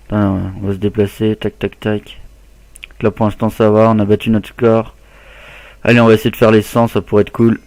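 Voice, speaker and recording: A man's voice: on the low side, darkish tone, no echo. A man casually commenting on his own gameplay as a gaming YouTuber, chatting and muttering to himself as he plays.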